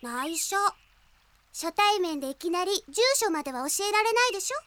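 Est, a very high-pitched perky girl knight. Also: animated, moderate pace, heavy background noise. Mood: bright, coy. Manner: chirpy, teasing, playfully theatrical. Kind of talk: Japanese radio drama acting. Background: music.

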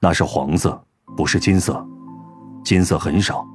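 A man voicing a calm, sharp-eyed male military officer in an audiobook, speaking flatly and probingly. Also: low-pitched, unhurried, faint music behind, voice pushed down. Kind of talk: audiobook character voice.

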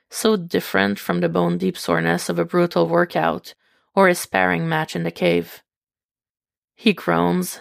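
A woman reading a fan story aloud in calm, intimate scripted narration. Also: lowish voice, vocal fry. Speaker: podfic reader.

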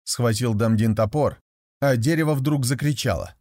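A man narrating a folk tale in a measured storytelling manner. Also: medium pitch, a little mellow, no room sound, studio quality.

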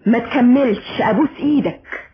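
A woman's voice: on the high side, moderate pace, a little hiss or hum, lightly acted. An actress playing a hurt, desperate young woman in a radio drama, speaking with an Egyptian accent in a pleading, distressed way. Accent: Egyptian Arabic. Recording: dull lo-fi radio recording.

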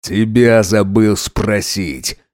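Male narrator doing a menacing wolf-shifter man, audiobook, slow, growling, threatening. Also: fairly low pitch, fairly even intonation, a little mellow.

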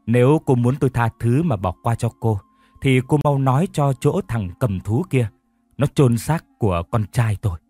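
Man reading as a grieving old mother, anguished, accusing, mellow husky tone, audiobook. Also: mid-range voice, expressive, normal speed, no echo. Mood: bitter.

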